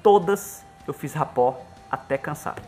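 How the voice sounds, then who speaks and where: A Brazilian man, a musician guest on a podcast, talking casually and fast, acting out little bits of dialogue as he explains. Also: on the high side, soft background music. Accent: Brazilian Portuguese. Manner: fast, animated, acts out dialogue.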